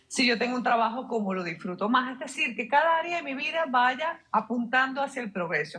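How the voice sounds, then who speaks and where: A Venezuelan woman with a mid-range, slightly bright voice appears as an interview guest and mindset mentor. She lays out her ideas fluently and emphatically, peppering them with rhetorical questions.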